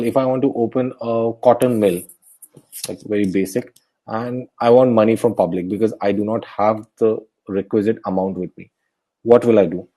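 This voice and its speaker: A young man giving a soft-spoken, explanatory webinar lecture as a guest speaker, often correcting himself mid-sentence. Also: medium pitch, husky, poor audio.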